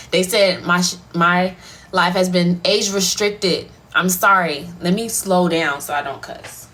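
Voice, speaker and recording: Slangy, animated woman telling a story. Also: fairly low pitch, slight background noise. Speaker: vlogger. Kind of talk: casual storytelling to camera.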